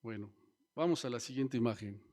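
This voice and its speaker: A man's voice: mid-range voice, brisk, a little mellow. A man preaching a sermon as pastor, teaching and asking the congregation questions. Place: church.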